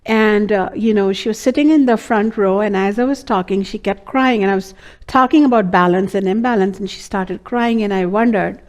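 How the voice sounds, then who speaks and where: A woman with an Indian accent teaches an Ayurveda class, earnestly lecturing students through a case study with many fillers. Her voice is medium in pitch and darkish in tone, at a moderate pace.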